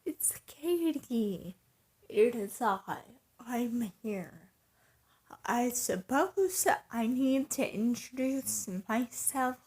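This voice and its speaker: A woman vlogger with breathy, airy starts to her words, talking casually in slow, halting, short broken phrases. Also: fairly high pitch. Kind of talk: casual personal vlog to camera.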